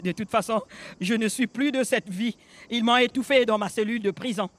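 A man's voice: high voice, natural voice. An actor playing the haunted, restless ghost of a murdered man in a radio drama, speaking solemnly and telling a story in an incantatory way. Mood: pleading. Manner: slow, solemn, incantatory delivery.

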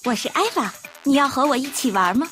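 An actress plays an eager young heroine in a language-learning radio drama, bewildered and urgent, with halting French. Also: female voice, high voice, animated, fairly bright tone. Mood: curious, unsure. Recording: music behind the voice.

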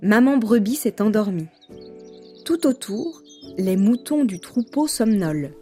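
A woman reads a children's story aloud, gentle and unhurried, with a mellow, warm tone. Soft music runs faintly beneath her narration. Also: medium pitch, animated.

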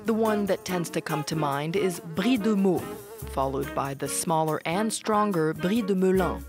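Woman narrator, documentary script, lowish voice, smooth delivery, music behind. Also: a little slow.

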